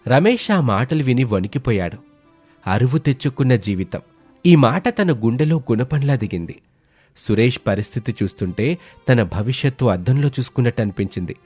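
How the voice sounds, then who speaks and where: A man narrating a scripted animated moral story in a dramatic, measured way. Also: medium pitch, husky, faint music behind.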